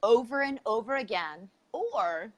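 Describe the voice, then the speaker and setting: A woman's voice: a little high, lively intonation, a little slow. A woman hosting a casual interview, informal and jokey, with plenty of filler words. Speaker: podcast host.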